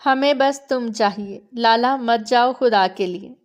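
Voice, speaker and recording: A woman's voice: on the high side, natural voice. A woman narrator voicing a young bride who begs her brother tearfully not to leave. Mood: pleading. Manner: pleading, tearful delivery.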